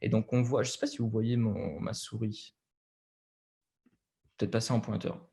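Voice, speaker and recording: A man's voice: lowish voice, steady tone, moderate pace, creaky, mellow. A young man with a French accent presenting slides over a video call, hesitant, with many fillers and restarts.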